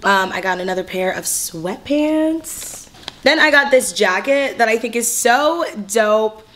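A woman's voice: a little high, expressive, a little slow, a bit bright, a little hiss or hum. A young woman in her twenties from California, chatting in a bubbly, slangy way through a clothing haul vlog. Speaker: fashion vlogger.

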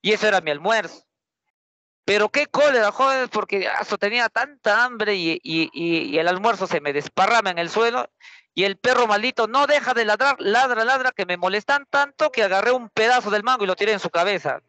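A young man teaching a class, his voice pitched high and sounding bright and sharp, very close and dry. He speaks with a Peruvian accent and tells an anecdote in a lively, chatty way, often stopping to put rhetorical questions to his students. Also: a little fast, no room sound. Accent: Peruvian Spanish.

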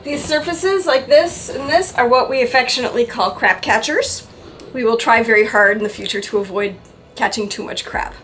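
A woman's voice: a little high, normal speed, fairly bright tone, rough recording. A woman giving a chatty, wry casual tour of her boat's cabin. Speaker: boat owner giving a tour. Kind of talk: casual walkthrough vlog. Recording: music playing underneath.

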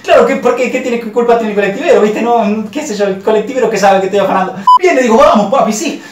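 A high-pitched man with a Rioplatense accent spins a comic story, loud, animated and full of swearing. His voice sounds roomy and set back from the mic, with faint noise behind. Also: quick pace, recorded from a distance. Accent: Rioplatense Spanish.

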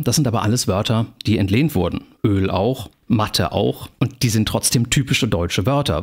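A man giving a university lecture, explaining in a measured way and addressing students formally. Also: on the low side.

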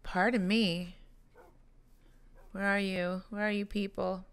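A young woman commenting on her own video game play in a playful way, talking to the game's animals and making mock threats, with excited yelps. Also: mid-range voice, takes it slowly, clean tone. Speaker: gaming channel host. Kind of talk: Minecraft let's-play commentary.

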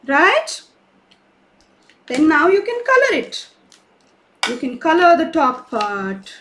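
A woman's voice: high-pitched, fairly bright tone, slight background noise. A woman leading a live craft class for children, cheerful and coaxing, often checking in with questions. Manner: cheerful, coaxing, asks kids many questions. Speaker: craft teacher for kids. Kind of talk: live online kids' craft session.

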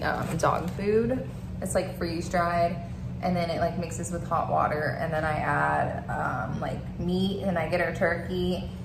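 A woman in her thirties speaks casually to the camera in a home vlog, her voice on the low side and full of "like"s and "um"s. She's filming in the kitchen and living room of an apartment, where the room echoes and the background is noisy.

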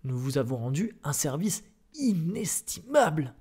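A man voicing a placid, oily newspaper director who hems and hedges, in a soft-spoken ASMR reading. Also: mid-range voice, normal speed, natural voice. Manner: oily, hesitant with ums. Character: smooth, placid middle-aged male newspaper director, unctuous.

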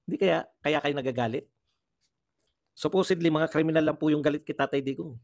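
A man's voice: a little high, brisk, a little mellow, no echo, studio quality. A man doing livestream political commentary, talking in an impassioned way and firing off rhetorical questions. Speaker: political vlogger.

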